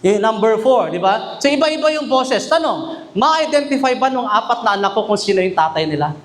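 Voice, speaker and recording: A man's voice: sits high, expressive. A man preaching a sermon as pastor, mixing English and Tagalog and often asking the congregation questions. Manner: mixes English and Tagalog, often asks the congregation questions, reads verses slowly. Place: church chapel.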